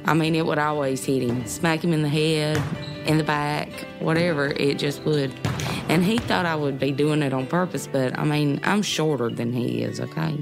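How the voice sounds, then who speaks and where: A woman's voice: deep voice, moderate pace, vocal fry. A woman, casually telling a story and laughing often. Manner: laughing, talkative. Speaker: interviewee, wife. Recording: music underneath.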